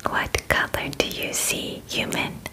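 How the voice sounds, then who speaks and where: A woman in her twenties, recording in a small bedroom indoors with a close mic in front of the camera, takes on the lightly acted role of a calm, clinical alien examiner for ASMR. She speaks slowly and formally, methodical yet gentle, choosing her words precisely.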